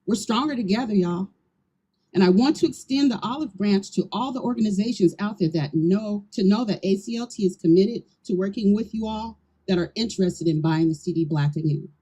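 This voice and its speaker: A woman's voice: mid-range voice, a little fast, warm tone, husky, rough recording. A middle-aged woman, a community land trust leader, gives an earnest, rousing speech to a crowd at an outdoor ceremony into a handheld microphone. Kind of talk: public speech at an outdoor event.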